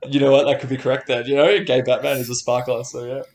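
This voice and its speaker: A man's voice: mid-range voice, level tone, fast talker, a little mellow, slight background noise. Man in an echoey room, chatting. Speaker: new podcast member. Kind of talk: casual chat. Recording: roomy, echoing sound.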